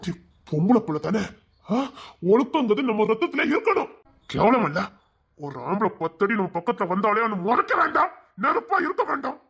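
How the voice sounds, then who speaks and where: Guy doing an ashamed hotheaded young village man, high voice, agitated. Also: big pitch swings, brisk, fairly bright tone, husky, heavily acted. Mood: scolding. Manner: agitated, self-reproaching outbursts. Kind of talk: village drama acting.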